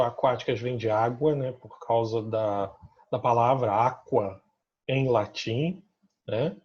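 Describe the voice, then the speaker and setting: A man with a Brazilian Portuguese accent teaches grammar, pointing out examples on the slide one by one. His voice is a little husky and sits at an ordinary pitch. The recording sounds dull and lo-fi. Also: a little mellow. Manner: checks in with listeners through constant tag questions. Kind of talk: remote grammar lesson explaining slides.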